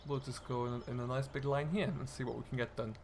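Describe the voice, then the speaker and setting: Playing a farm contractor in a farming game role-play, a British video host talks fast in a mid-range voice with fairly even intonation. His commentary is casual, full of chat and thinking aloud as he works. Background vehicle and ambient noise come through clearly.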